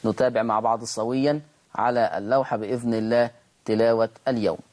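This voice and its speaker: A middle-aged man with an Egyptian accent teaching a televised Quran recitation lesson. He explains quickly in a mix of dialect and formal Arabic, then slowly chants the example words. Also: mid-range voice, fairly even intonation, a little mellow.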